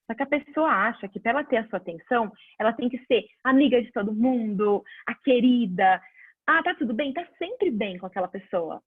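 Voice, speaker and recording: A woman with a slightly high, somewhat rough voice teaches a casual online class over a tinny line. She keeps it conversational, answering viewer questions with lively examples. The audio is dry and phone-like, with no echo.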